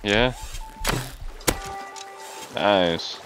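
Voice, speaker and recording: A man's voice: fairly low pitch, very slow, a bit bright, faint music behind. A young man chatting casually as a co-player in a game. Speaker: gaming co-player.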